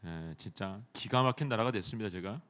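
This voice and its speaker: A male pastor preaching a sermon in a church, animated and often addressing the congregation directly. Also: lowish voice, a little fast. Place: church sanctuary.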